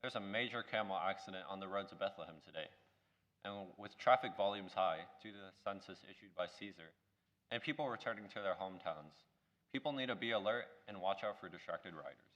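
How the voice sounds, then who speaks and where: A man playing an earnest evening news co-anchor in a church play, with a formal, measured breaking news delivery. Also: sits low, a bit bright, lo-fi sound. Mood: serious, newsy. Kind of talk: breaking news delivery, scripted mock newscast.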